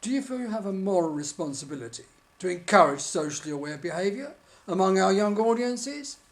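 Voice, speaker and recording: A polite, formal interviewer in a scripted mock studio interview. The delivery is straight-faced, yet the pitch moves about in a lively way. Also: fairly quick.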